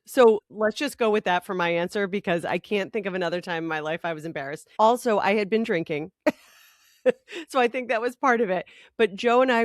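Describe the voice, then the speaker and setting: A woman in her forties tells a story in easy chat, lively and quick to laugh. Her voice sits in a middle range. The sound is dry and close. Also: mid-range voice, dry recording. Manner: animated storyteller, laughing often. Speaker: podcast co-host. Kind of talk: casual chat.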